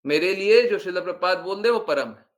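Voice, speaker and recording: Brisk and expressive, this high-voiced man gives a devotional class as a spiritual teacher, pressing his points earnestly. He repeats phrases for emphasis and mixes in English words.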